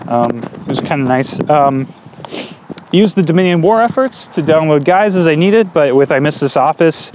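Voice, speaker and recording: A man hosting a podcast on his own, rambling and hesitant with many fillers, recorded in low quality while walking a dog outdoors. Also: animated, moderate pace, slight background noise. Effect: low-quality audio, recorded while walking outdoors. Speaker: podcast host. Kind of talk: casual solo podcast chat.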